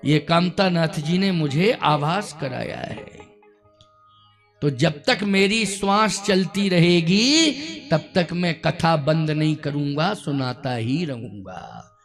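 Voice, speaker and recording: Slow, high-voiced male preacher. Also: faint music behind. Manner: addresses listeners directly with repeated questions; slow and emphatic, rising to loud exclamations. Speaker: Ram Katha preacher. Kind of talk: devotional sermon.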